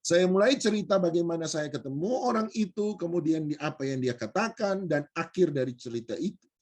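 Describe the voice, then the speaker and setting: High-voiced male pastor telling a story. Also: animated, a little fast, a little mellow. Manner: conversational storytelling, addresses listeners directly with light laughs. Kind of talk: devotional sermon told as personal story.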